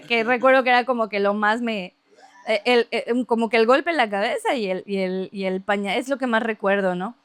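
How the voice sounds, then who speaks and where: A woman telling a story from her childhood in casual, lively conversation, laughing often and imitating other people's voices. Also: on the high side, moderate pace, smooth, no room sound. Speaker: podcast guest.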